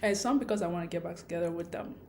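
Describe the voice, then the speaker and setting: A woman's voice: on the low side, racing, darkish tone, slight background noise. A woman vlogging a personal story in a casual, rambling, reflective way, with a lisp from wearing retainer-like aligners. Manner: rambling, reflective, self-questioning.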